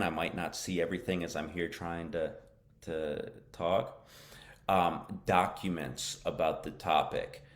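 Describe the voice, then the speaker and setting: A man with a deep, low voice teaches a lesson on a live stream. His delivery is casual, and he keeps checking understanding with "okay?" while sprinkling in Arabic words for his learners. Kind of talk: live-streamed English lesson with viewer questions.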